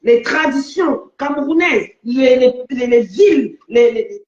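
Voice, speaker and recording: A woman's voice: high voice, lively intonation, unhurried, a little mellow. A woman interviewee who insists on her point, repeats herself and stumbles over her words. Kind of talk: heated casual debate. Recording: roomy, dull sound.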